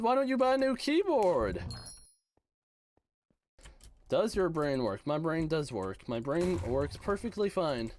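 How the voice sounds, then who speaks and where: Lively young man with a tired voice. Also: sits high. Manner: playful, teasing, slangy gamer talk. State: voice worn out, slightly hoarse. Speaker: game streamer. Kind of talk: casual livestream chat, reading chat aloud.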